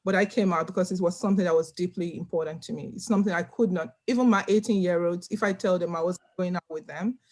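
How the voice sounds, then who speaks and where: A woman's voice: on the low side, quick pace, hardly any pauses, darkish tone. A woman from Nigeria speaking on a video call panel, earnest and emphatic, often repeating words as she stresses a point. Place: home room.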